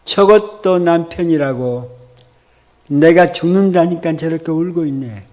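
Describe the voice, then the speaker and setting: A man voicing a worn-out, ill young wife who talks in a blunt, rough way while telling a story in a sermon. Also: on the high side, unhurried, a little mellow. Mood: moved.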